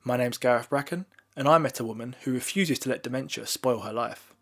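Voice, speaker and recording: A male reporter narrating a news feature and gently interviewing an elderly woman. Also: mid-range voice, brisk, gravelly.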